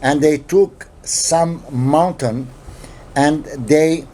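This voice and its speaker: Male interview guest, Armenian accent, mellow tone, hesitant unscripted delivery in non-fluent English, faint background noise. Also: a little high, very slow. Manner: hesitant, searching for words in imperfect English. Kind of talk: halting, unscripted storytelling.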